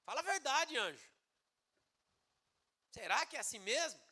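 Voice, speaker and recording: A preacher doing a doubtful old priest. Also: male voice, extremely high pitch, sing-song, moderate pace, pushed and bright, pitched above the performer's own voice, full character voice. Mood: incredulous. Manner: questioning, folksy. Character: doubting elderly male priest, folksy and incredulous.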